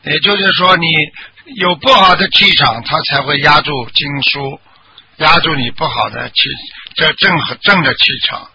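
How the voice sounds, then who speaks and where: A man with a fairly high, very bright voice answers listeners on a radio call-in show as their Buddhist master. He explains things simply and keeps checking that the caller has followed him, with a faint hum of noise behind him. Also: moderate pace. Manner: explains plainly, keeps asking if the caller understands.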